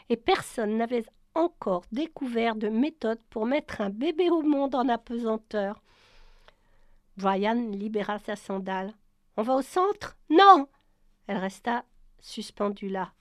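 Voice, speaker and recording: A woman narrating a science fiction novel in a steady, measured reading. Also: on the high side, no echo, clean studio sound. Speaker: audiobook narrator. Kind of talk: storybook narration.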